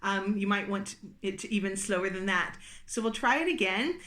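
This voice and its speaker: A woman leading a relaxed singing warm-up lesson, explaining exercises in an encouraging, chatty way and laughing off her own slips. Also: mid-range voice, normal speed. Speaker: singing teacher. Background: piano.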